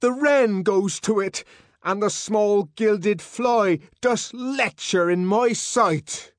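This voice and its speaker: A man's voice: sits high, slow pace, no echo, pitched above the performer's own voice. A man voicing a tormented, raging young savage who rants theatrically in a dramatic audiobook. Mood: tormented ranting. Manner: shouting, ranting, theatrical declamation.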